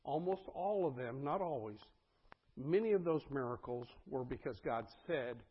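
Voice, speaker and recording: A man's voice: mid-range voice, expressive, moderate pace, breathy edge, lo-fi sound. A man preaching a sermon as pastor, earnest and conversational, often turning to the congregation with asides.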